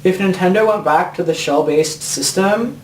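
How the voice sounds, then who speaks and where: A man's voice: high voice, moderate pace, a little hiss or hum. A man giving a profane, rambling comedic rant about video games. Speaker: video game commentator. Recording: roomy sound from a distant mic.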